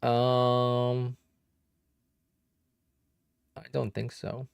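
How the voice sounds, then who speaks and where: A Polish man in his thirties, with a Polish accent, chats casually on a live trading stream as a day trader, answering viewers with lots of "like" and "you know." He sounds tired and sleepy, his mid-range voice gravelly yet smooth, extremely slow and completely flat. The recording is dry.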